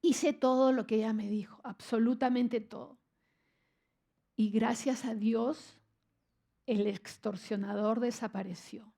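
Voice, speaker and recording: An older woman preaching a church sermon, telling a personal testimony in an earnest, emotional way with frequent halting restarts. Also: on the high side, steady tone, gravelly, warm tone.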